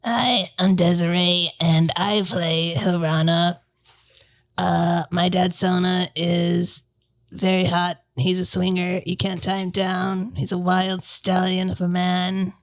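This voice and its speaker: A woman player chatting casually with a slow, deadpan delivery. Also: lowish voice, no room sound. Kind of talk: casual chat.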